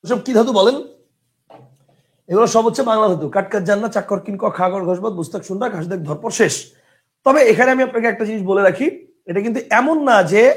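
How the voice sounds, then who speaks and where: A young man teaching a grammar class, chanting word lists over and over and asking questions that he answers himself. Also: sits high. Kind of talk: classroom lecture.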